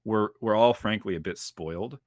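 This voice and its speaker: Lower-pitched upbeat male podcast host. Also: no room sound, studio quality. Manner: energetic, jokey, fast-talking. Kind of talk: casual podcast chat.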